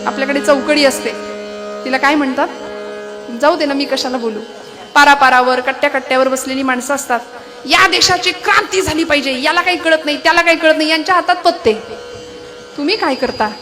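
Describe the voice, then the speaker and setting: A woman preacher giving a devotional sermon with storytelling. She speaks in a lively way and keeps asking the audience rhetorical questions. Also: sits high, brisk. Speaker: kirtan preacher. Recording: accompanying music behind the voice.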